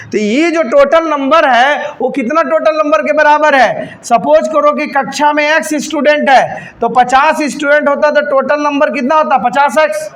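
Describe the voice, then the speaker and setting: High-voiced teacher. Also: male voice, a bit bright. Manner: quizzes students with constant questions, scolds and teases them; slows to spell out each step. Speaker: teacher for government exam coaching. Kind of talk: classroom math lesson. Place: classroom with students.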